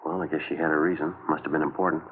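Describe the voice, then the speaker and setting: An actor in a vintage radio drama playing a stoic police sergeant who narrates in a clipped, matter-of-fact way. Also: male voice, extremely low pitch, little pitch movement, very fast, a little hiss or hum. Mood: businesslike. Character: stoic, businesslike male police sergeant narrating his case. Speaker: detective narrator. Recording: tinny old radio recording with music.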